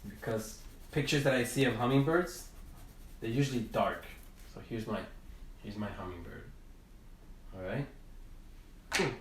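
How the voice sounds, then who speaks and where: A man teaching a drawing class, telling a storybook tale in a gentle, halting way while he draws. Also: medium pitch, a little hiss or hum. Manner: gentle, halting, with many restarts. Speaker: art teacher. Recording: roomy, from a distance.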